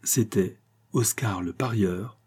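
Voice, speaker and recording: Mellow, husky male storyteller. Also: fairly low pitch, takes it slowly. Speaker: narrator. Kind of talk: storybook reading.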